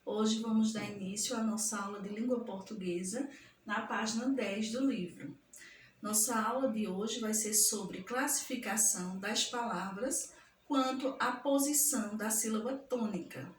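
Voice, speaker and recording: A woman's voice: medium pitch, a little slow, reverberant, slight background noise. A woman teaching a school grammar lesson, affectionate and patient, stretching out example words and checking in often with the class. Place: classroom with a board.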